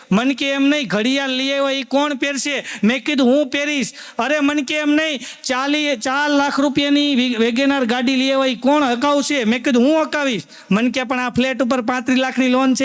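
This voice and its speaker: Man, stand-up comedian, very high voice, folksy live storytelling. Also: clean tone. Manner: folksy storyteller addressing the audience as sir, acting out old folks.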